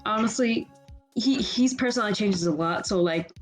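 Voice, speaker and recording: A woman's voice: medium pitch, moderate pace. Woman, gaming co-host, casual chat, playful, background music. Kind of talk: casual playful game commentary.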